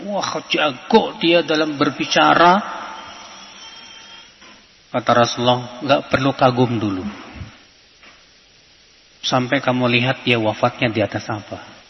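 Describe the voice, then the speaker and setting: A man preaching a sermon in an animated way, often asking the listeners rhetorical questions. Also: medium pitch, measured pace, vocal fry, long pauses, a little hiss or hum. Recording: muffled hall recording with long reverb.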